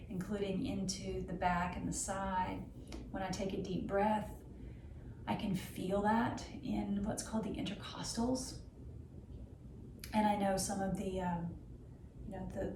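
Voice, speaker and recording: Middle-aged woman, therapist instructing, measured explanatory delivery, distant microphone, noticeable background noise. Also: mid-range voice, echoey room. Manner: measured, explanatory, uses anatomical terms. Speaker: physical therapist and yoga instructor. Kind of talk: instructional health vlog, talking to camera.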